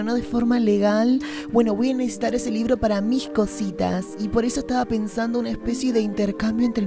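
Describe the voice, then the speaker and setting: A man voicing a flirtatious owl demon lord in an Argentine cartoon fan dub, with an affected posh accent and drawn-out, suggestive delivery. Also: high voice. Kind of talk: fan-dubbed adult cartoon acting. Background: loud music.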